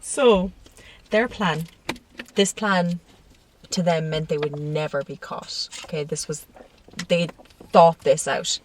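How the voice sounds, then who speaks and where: A woman's voice: sits low, slow pace, long pauses, far from the mic, a little hiss or hum. Chatty woman telling a grisly tale. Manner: chatty storyteller, frequent laughs and swearing. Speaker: podcast co-host. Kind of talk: casual true-crime podcast chat. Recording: dry sound, set back from the mic.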